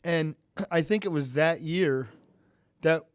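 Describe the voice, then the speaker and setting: A man recounting racing stories in a relaxed podcast interview. His voice sits fairly high for a man and is recorded dry and close. He tells stories with energy and shoots his pitch up when quoting others. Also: slow pace, smooth, no room sound. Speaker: race car driver, guest. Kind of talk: casual storytelling interview.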